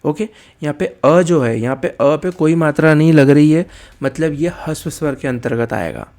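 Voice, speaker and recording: A man with a slightly high voice explains an exam-prep lesson. He poses questions and answers them himself, checking in constantly with okay and right. He sounds out letters slowly to show how they are said. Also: animated, a little mellow. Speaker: teacher.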